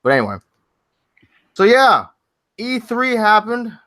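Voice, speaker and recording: A man's voice: sits high, huge pitch swings, slow pace, a bit bright, no echo. A young man hosting a casual gaming podcast, chatty and loose, often restarting his sentences. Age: young adult. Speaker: podcast host.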